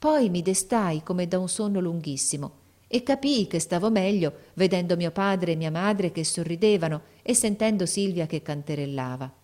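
A woman reading a classic novel aloud as audiobook narration, gently and in measured phrases. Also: on the low side.

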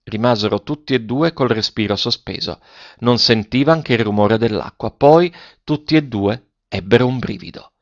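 A man narrating a story as an audiobook reader, in a measured storytelling manner. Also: medium pitch, expressive, gravelly, no echo, highs cut off. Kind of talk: scripted narration.

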